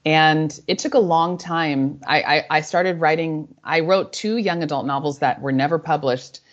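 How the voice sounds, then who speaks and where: A native Spanish-speaking woman in her forties, an author appearing as a guest, answers interview questions with warm, reflective storytelling at a normal pace. Her voice is deep and low, and she often restarts sentences while thinking aloud. The sound is slightly dull and lo-fi, like a remote call.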